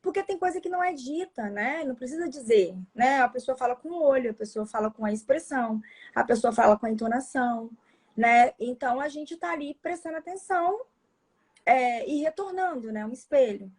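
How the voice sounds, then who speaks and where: A woman's voice: high-pitched, lively intonation, fairly quick, darkish tone, slightly rough. A woman psychologist with a Brazilian Portuguese accent, talking in a casual conversation, hesitant, with frequent restarts.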